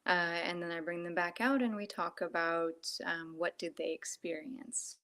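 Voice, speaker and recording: A woman Reiki practitioner talking casually on a phone video call from home, soft-spoken with lots of fillers, sometimes dropping to a whisper. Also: fairly low pitch, fairly even intonation, normal speed.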